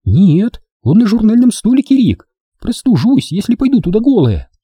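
A man voicing a playful, chatty young woman who teases her lover, raising his pitch high. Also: very animated, normal speed, dark tone, slightly rough, no echo, studio quality, full character voice. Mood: teasing. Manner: chatty, teasing.

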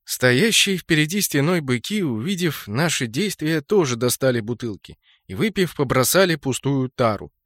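A man narrating a fantasy game novel in a steady storytelling voice, lifting it sharply for shouted lines. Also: medium pitch, moderate pace, no echo, clean studio sound. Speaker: audiobook narrator.

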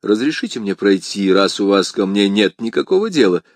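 A man doing a calm, commanding foreign nobleman. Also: fairly low pitch, fairly quick, no echo, studio quality, voice pushed down. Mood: haughty.

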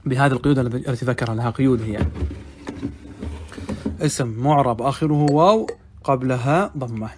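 A man's voice: mid-range voice, darkish tone, a little hiss or hum. A middle-aged man teaching Arabic grammar as a sheikh, explaining step by step and asking questions that he answers himself. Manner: reads quoted text slowly and deliberately. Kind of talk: classroom commentary on a grammar text.

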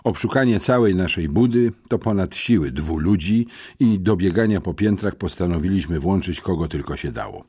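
A man reading a children's audiobook aloud in a lively, expressive storytelling manner. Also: low voice, normal speed, hardly any pauses, breathy edge. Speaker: audiobook narrator. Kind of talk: scripted narration.

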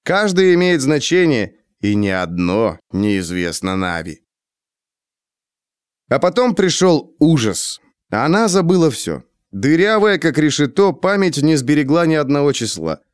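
A man reading a novel aloud as an audiobook narrator, in measured storytelling. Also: mid-range voice, smooth, dry recording, studio quality. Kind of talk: scripted narration.

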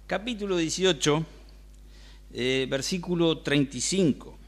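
Man, Rioplatense accent, gravelly conversational sermon delivery in a church. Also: a little high, measured pace. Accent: Rioplatense Spanish. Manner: conversational, asks the congregation questions. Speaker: preacher.

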